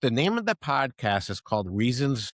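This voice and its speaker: A middle-aged man hosting a conversational podcast, rambling with restarts and giving enthusiastic shout-outs. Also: medium pitch, sing-song, moderate pace, no echo. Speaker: podcast host.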